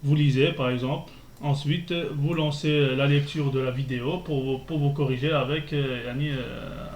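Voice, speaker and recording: A man teaching a beginner lesson, patiently drilling syllables and pausing often with fillers. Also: mid-range voice, fairly even intonation, a little mellow. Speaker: Arabic teacher. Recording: echoey room with faint noise.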